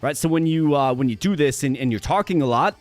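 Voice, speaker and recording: A game streamer with a slightly high, worn-sounding voice chats upbeat and fast with lively intonation, speaking straight to his viewers. His strained voice stutters now and then and repeats words, with soft music playing behind him.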